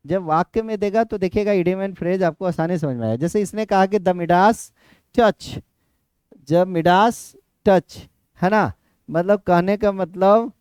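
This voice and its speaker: A man's voice: high-pitched, darkish tone, smooth, no echo, clean studio sound. A male exam-prep teacher with a Bihari Hindi accent explains a lesson to students, repeating points and checking whether they understood.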